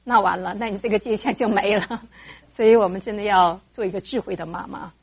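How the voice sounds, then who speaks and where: A woman giving a church teaching to mothers about raising children in faith, lively and acting out parent and child voices as she goes. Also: medium pitch, a little fast, breathy edge.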